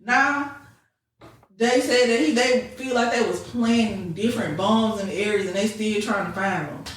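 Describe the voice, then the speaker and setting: A woman co-hosting a podcast, ranting loudly and casually with plenty of profanity. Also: mid-range voice, moderate pace, distant mic. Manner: loud, animated ranting with profanity. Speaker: podcast co-host. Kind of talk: casual chat. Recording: echoey room, off-mic, light noise.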